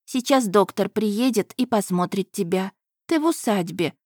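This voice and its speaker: A woman's voice: medium pitch, animated, normal speed, a little mellow, no room sound, studio quality, close to an everyday voice. A woman voicing a doting, stout old nanny who fusses and laments over her charge. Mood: fussing. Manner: lamenting, fussing.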